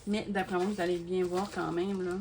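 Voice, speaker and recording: Speaking on the low side and a little fast, a woman who makes crafting videos on YouTube chats casually with her viewers as she unboxes items and gushes over them, full of fillers and repeated words. Steady background noise and clicks run through the recording.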